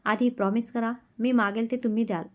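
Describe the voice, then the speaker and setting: A loving young wife in a romance story, gently bossy and pleading, as a woman reads her lines. Her voice rides fairly high, soft and earnest throughout. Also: steady tone, fairly quick, close to an everyday voice. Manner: affectionate, pleading.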